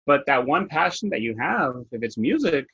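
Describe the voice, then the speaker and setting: A man's voice: a little high, sing-song, moderate pace, a bit bright, slightly rough, no echo, dull audio. A man and educator, a guest in a casual interview, talking earnestly and reflectively about teaching. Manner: earnest, reflective, with filler-heavy restarts.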